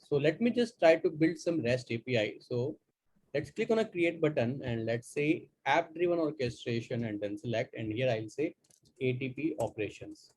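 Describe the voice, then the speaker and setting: A man instructing an online class, explaining software steps at a relaxed pace with fillers. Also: fairly high pitch, husky. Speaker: course instructor. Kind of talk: live online class walkthrough.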